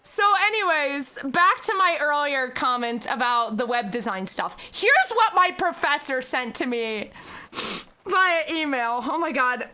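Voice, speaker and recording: Bright high-voiced young woman streamer. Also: measured pace. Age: young adult. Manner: chatty, talks to chat directly, bursts into excited squeals. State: tearful with joy. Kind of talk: casual livestream chat.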